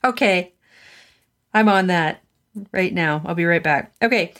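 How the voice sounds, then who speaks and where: A woman's voice: fairly low pitch, a bit bright. A middle-aged woman hosting a podcast, chatting casually and reacting readily to her guest. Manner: chatty, responsive, quick to react. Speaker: podcast host.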